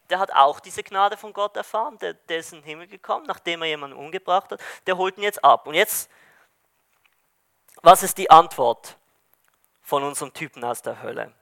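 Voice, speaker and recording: Guy preaching, high voice, lots of um and restarts while retelling, dry sound. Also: moderate pace, creaky, fairly bright tone, no echo. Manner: retelling a story with many fillers and restarts. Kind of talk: sermon.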